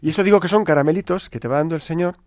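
A man, a priest telling a story in an interview and acting out the voices of the people in it with lively energy. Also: fairly high pitch, rapid-fire, no room sound, clean studio sound. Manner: animated, acts out dialogue with shifting voices.

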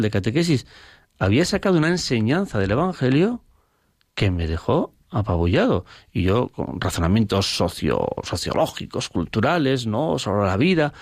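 Reflective priest telling stories. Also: male voice, on the low side, vocal fry, no room sound, studio quality. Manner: reflective, animated storytelling with many tag questions. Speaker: parish priest. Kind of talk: recounting pastoral stories in an interview.

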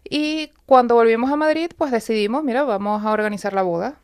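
A Venezuelan woman, appearing as a radio guest in a studio, gives personal testimony in an earnest, flowing way. Her voice is fairly high, a little fast and clean-toned, with no echo.

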